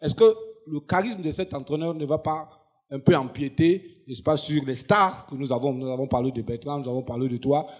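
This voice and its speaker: Male panelist from Burkina Faso, brisk husky delivery, pushy questioner in a TV studio. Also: on the high side, steady tone. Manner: quick, pressing questions. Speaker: panelist journalist. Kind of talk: talk show questioning.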